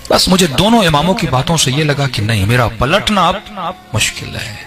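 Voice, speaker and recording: Man, emotional religious storytelling, lively pitch, music behind. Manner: retells a story, voicing the people in it with rising emotion.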